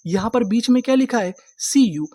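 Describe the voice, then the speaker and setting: A man gives a reading lesson in a steady, mellow voice. The sound is dry and close, with no room around it. He spells words letter by letter and asks quick questions that he answers right away. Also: very high voice, dry recording. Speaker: English teacher. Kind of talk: online spelling and vocabulary lesson.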